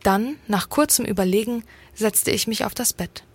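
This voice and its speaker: Husky-voiced woman reading a story. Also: mid-range voice, moderate pace, no room sound. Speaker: story reader. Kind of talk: scripted story narration.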